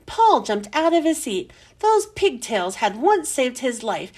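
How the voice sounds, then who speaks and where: A woman reading a children's chapter book aloud with expressive, animated storytelling. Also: sits high, measured pace.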